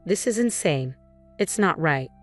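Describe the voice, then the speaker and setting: A woman voicing a desperate, angry husband in his fifties who shouts and pleads, in a spoken story. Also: fairly high pitch, animated, unhurried, faint music behind. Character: angry desperate middle-aged husband, whining.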